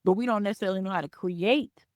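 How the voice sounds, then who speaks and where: A woman's voice: medium pitch, fast, darkish tone, no room sound, studio quality. A woman hosting a solo business podcast, stressing her points and checking in with "right?" and "okay?". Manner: emphatic, repeats key points with "right?" and "okay?". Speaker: podcast host and business coach.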